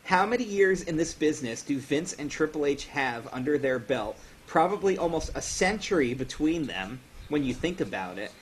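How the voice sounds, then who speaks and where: A man's voice: on the high side, big pitch swings, moderate pace, hardly any pauses, slight background noise. A man co-hosting a casual podcast chat, sarcastic and opinionated. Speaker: podcast co-host.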